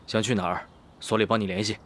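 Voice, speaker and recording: An actor playing a middle-aged institute director who speaks in a measured, matter-of-fact way in a TV drama. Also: male voice, lowish voice, little pitch movement, a bit bright, a little hiss or hum, lightly acted. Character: firm male institute director. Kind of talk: TV drama acting.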